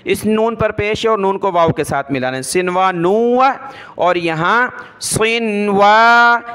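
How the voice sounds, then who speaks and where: A man with a high, smooth, resonant voice, patiently teaching recitation. He breaks every word into letters and vowel marks, then draws the recited words out long and slow. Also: a bit bright. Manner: patient, repeats each syllable, stretches recited words. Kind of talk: spelling out and reciting verses slowly.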